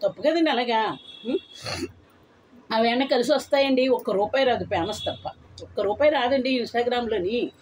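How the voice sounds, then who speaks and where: A woman's voice: fairly high pitch, moderate pace, long pauses, a little mellow, slight background noise, poor audio. Blunt, chatty woman in her eighties. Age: 80s. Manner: blunt, chatty, rambling, polite to viewers. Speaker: vlogger. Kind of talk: casual chat to camera.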